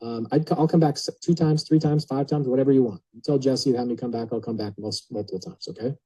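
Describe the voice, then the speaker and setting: A man with a very dark, mellow, slightly husky voice gives a motivational talk on a coaching call. He's chatty and energetic, addressing the group directly as he tells his story. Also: mid-range voice, quick pace, poor audio. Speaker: guest speaker on a coaching call.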